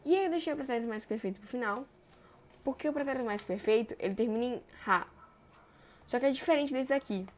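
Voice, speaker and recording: A young woman, teaching verb tenses in a chatty way and stretching example words slowly. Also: fairly high pitch, a little hiss or hum. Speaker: Portuguese grammar teacher. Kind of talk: explaining verb tenses on a board.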